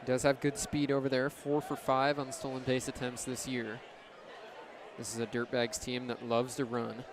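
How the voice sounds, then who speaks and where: A young man calls baseball play-by-play for radio in clipped, descriptive phrases, his mid-range voice level and at a normal speed. He is broadcasting live from an outdoor stadium, with crowd noise and ambient ballpark sound in the background.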